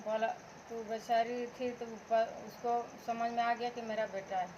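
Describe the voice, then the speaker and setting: A woman's voice: fairly high pitch, little pitch movement, unhurried. A woman telling an old folk tale aloud in a rambling, repetitive, homespun way. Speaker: storyteller. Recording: dull lo-fi recording, faint hum.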